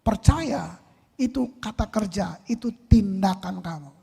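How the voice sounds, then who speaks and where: Guy preaching, husky voice, loud then soft, echoey big hall. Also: sits high, a little slow. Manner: animated, rhetorical questions, swings loud and soft. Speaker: pastor. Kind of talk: sermon. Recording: long reverb in a large hall.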